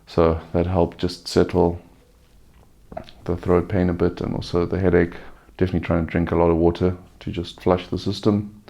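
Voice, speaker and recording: A man gives an unscripted vlog-style update while weary from surgery. His voice is deep and very creaky, with an almost completely flat melody. He talks in a subdued, halting way, nursing a sore throat. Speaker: vlogger giving a recovery update. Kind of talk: casual personal update, unscripted.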